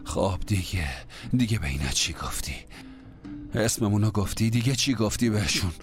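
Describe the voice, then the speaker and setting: A man's voice: on the low side, faint music behind, lightly acted. An actor playing a desperate man on the run in a dubbed film, often whispering urgently. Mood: hushed urgent. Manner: tense, often whispering, then shouting to calm someone. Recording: film score behind the voice.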